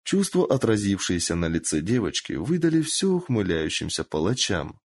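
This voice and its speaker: A man narrating a dark fantasy audiobook in an expressive storytelling manner. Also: low-pitched, normal speed, breathy edge. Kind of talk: dramatic fiction narration.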